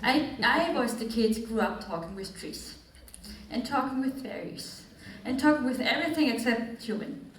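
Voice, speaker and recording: Woman panelist, halting and candid, higher voice, echoey hall, off-mic. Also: expressive, distant mic, a little hiss or hum. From Austria. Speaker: panelist author. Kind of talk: live panel talk. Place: festival stage in a large hall.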